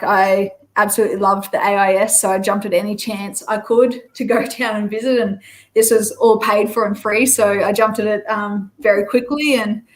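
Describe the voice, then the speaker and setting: As a podcast guest, a former rugby player from Queensland, a woman in her thirties with an Australian accent, chats in a relaxed way and fills her speech with lots of ums. Her voice is mid-range, and the recording is rough.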